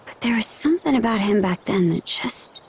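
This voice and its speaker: An actress voices a plain-spoken young woman fighter in a video game cutscene, speaking in a casual, wry, reflective way. Her medium-pitched voice has lively intonation and a moderate pace, sounds close to an everyday voice, and has some background noise.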